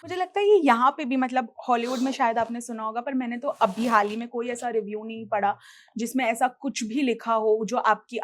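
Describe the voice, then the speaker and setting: Higher-voiced woman hosting a chat show. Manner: measured, drawn-out questions, frequent affirming interjections. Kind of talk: interviewing a guest.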